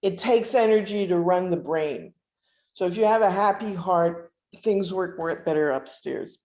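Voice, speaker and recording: A woman instructor giving an informal guided relaxation lesson, speaking haltingly with many pauses. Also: lowish voice, darkish tone. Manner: halting, hesitant, with frequent pauses and throat clearing. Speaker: instructor leading a breathing exercise. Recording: roomy, echoing sound.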